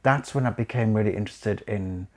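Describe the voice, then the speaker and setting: A man in his forties from South Africa, a choreographer recounting his life story in a reflective, halting way with frequent pauses and restarts. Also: fairly low pitch.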